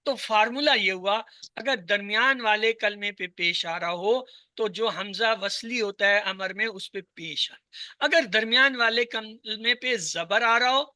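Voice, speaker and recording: A man's voice: high-pitched, pushed and bright, no echo. A man teaching an online class, patiently drilling word tables, asking questions and repeating answers. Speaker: Arabic teacher. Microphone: video call.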